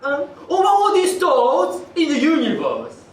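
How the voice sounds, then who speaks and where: A woman's voice: high-pitched, wildly swooping pitch, full character voice. A young woman playing a bossy, pompous king. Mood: grand. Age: young adult. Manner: grand, commanding, drawn-out declarations. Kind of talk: student stage play. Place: theater stage. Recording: echoey hall from far off.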